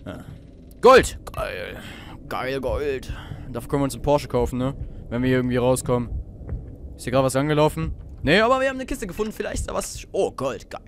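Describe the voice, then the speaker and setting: A man's voice: medium pitch, rapid-fire, slight background noise. Nervous teenage boy gaming. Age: teens. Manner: nervous, joking, talks to viewers, sudden shouts. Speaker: let's play gamer. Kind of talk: horror let's play commentary.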